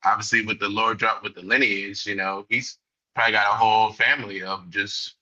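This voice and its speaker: A man's voice: fairly low pitch, steady tone, brisk, pushed and bright, husky. A man co-hosting a podcast, rambling easily through anime talk. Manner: easygoing, rambling with "you know" fillers. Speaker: podcast co-host. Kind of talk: casual anime chat. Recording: dull lo-fi mic.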